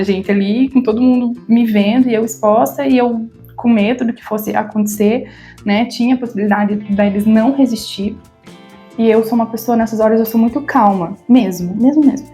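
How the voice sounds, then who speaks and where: A woman's voice: a little high, mellow. A woman in her thirties with a Brazilian Portuguese accent, telling her own story to camera in a vlog, emotional and stammering at times, acting out the voices of the people she quotes. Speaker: vlogger.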